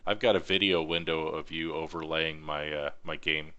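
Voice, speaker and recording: A man streaming a video game, talking in a flat, monotone way and explaining each move as he plays at his home computer. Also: rumbling low, normal speed, clear, resonant tone, dull audio. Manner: explains his gameplay moves as he goes. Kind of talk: casual gaming stream chat.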